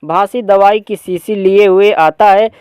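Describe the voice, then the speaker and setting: Male teacher narrating a play for a lesson, high voice, dry sound. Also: steady tone, measured pace, darkish tone, clear, resonant tone, no echo. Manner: plain narration of stage directions. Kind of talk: reading a play aloud for students.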